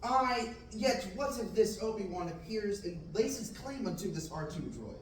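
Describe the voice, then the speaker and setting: A man's voice: high-pitched, lively intonation, normal speed, slight background noise. Young man reading earnest farm boy Luke. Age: young adult. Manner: earnest, declaiming, occasional slips. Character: restless young male farm boy, dreamy. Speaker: student actor at a table reading. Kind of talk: reading Shakespearean verse aloud. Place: large classroom, indoors. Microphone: far camera. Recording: echoey room, from far off.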